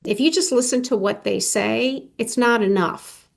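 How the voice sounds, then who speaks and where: A woman's voice: fairly high pitch, unhurried, creaky. A woman in her sixties from Argentina, an architect answering interview questions in a thoughtful, conversational way. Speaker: architect and firm founder. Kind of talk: casual interview.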